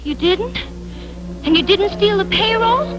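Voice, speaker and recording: An earnest, kind-hearted girl with a very high, lively voice who stammers when flustered. The sound is a 1950s TV broadcast, and a loud music score plays under her lines. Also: a little slow, low-quality recording. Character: earnest young girl, kind and quick to defend.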